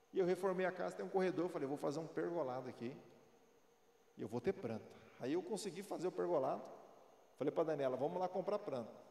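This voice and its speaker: A pastor in his forties delivers a sermon, slipping into homey storytelling and direct questions to the congregation. His voice sits somewhat high for a man. The sound bounces around a large, echoey church hall with a long tail. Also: mellow. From Brazil. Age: 40s. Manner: storytelling, conversational, preachy.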